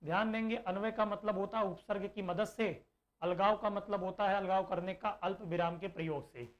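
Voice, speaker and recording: The speaker is a male teacher running an online exam-prep session, unhurried and repetitive, answering questions he raises himself. His high-pitched voice holds a steady tone, with the high frequencies cut off.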